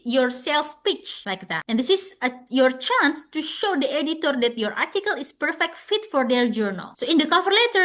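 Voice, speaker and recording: Indonesian woman lecturer, high voice, non-native English, patient step-by-step explaining with restarts. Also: a bit bright. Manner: explanatory, repeats words and restarts. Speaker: webinar speaker. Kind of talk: online lecture.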